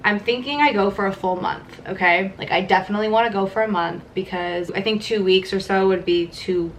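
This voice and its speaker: Talking through a makeup routine in a casual home vlog, this woman in her 20s is chatty and says "like" constantly. She speaks at a medium pitch and fairly quickly, with a little hiss or hum in the recording.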